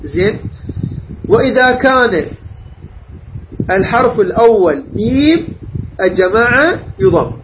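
A man with a fairly high voice gives a Quran recitation lesson. He lays out each rule in order and keeps checking that his students understand. The recording is dull and lo-fi, with a faint hiss underneath. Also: animated, unhurried, long pauses. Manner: methodical, checks understanding with questions.

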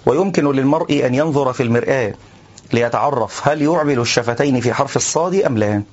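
A man of ordinary pitch gives a calm recitation lesson, breaking off to demonstrate sounds slowly and carefully. The recording is somewhat dull and lo-fi. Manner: explains calmly, then recites slowly, stretching words. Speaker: Quran recitation teacher. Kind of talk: instructional lesson with slow recited examples.

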